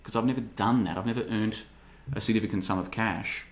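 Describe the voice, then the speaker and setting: His pitch fairly low and his pace brisk, a podcast host in his thirties rambles through a casual livestream monologue. He's sarcastic and frequently imitates others in put-on voices to mock them.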